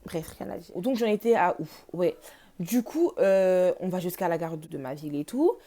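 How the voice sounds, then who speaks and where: A woman's voice: on the low side, animated, moderate pace, warm tone. Young woman telling a slangy storytime. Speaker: vlogger. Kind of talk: casual storytime. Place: home, noisy household.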